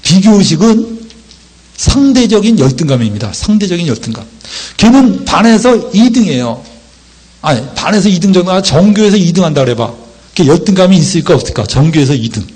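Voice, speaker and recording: A man's voice: high-pitched, brisk, slightly rough. A man preaching a sermon lecture, telling stories and acting out the people in them. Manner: lively storytelling, acting out quoted voices. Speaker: pastor.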